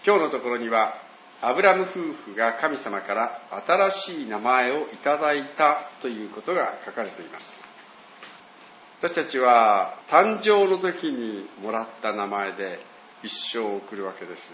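An older man who is a pastor gives a Bible talk slowly, telling it as a story with lively pitch. The recording is dull and roomy, with faint hiss.

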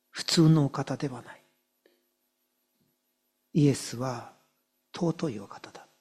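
A husky, mellow, fairly high-pitched male voice belongs to a pastor preaching a sermon. As he reads from scripture, he emphasizes key phrases, repeating them and slowing down so they land with weight.

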